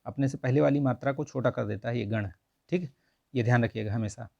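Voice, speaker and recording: A man's voice: medium pitch, a little fast, gravelly, darkish tone, no room sound, lo-fi sound. A man teaching an online Hindi grammar lesson for an exam, explaining patiently and saying "theek hai" again and again. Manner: repeats "theek hai" constantly, coaxing and explanatory.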